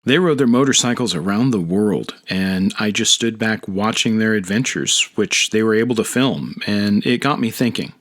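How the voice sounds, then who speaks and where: A man's voice: on the low side, moderate pace, few pauses, a bit bright. A middle-aged American man giving a reflective, scripted narration of his own story. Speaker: motovlog narrator. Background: guitar music.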